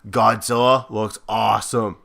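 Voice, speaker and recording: A man's voice: lowish voice, flat delivery, a little slow, gravelly, sharp tone. A man co-hosting a casual couples podcast, rambling and giggling, trailing off as he hiccups from hunger. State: hiccuping, hungry. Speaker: podcast co-host.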